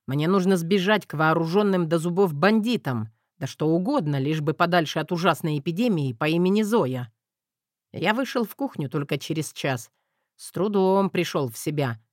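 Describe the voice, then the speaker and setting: A man's voice: on the high side, lively intonation, moderate pace, no room sound, clean studio sound. A man narrating a first-person audiobook in a wry, self-mocking way.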